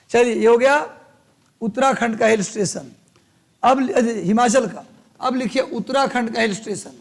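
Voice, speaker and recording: A man from Bihar leads a live online exam-prep lesson. His voice sits very high for a man. He dictates notes slowly, repeating each phrase, and drops chatty asides to his students. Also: gravelly. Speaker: teacher.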